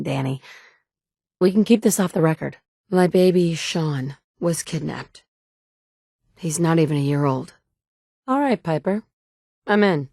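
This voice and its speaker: An actress voices a player character in a video game, a determined young mother hunting for her kidnapped son. Her voice is fairly low and darkish with no echo, and her lines come out dry, blunt and at times sarcastic.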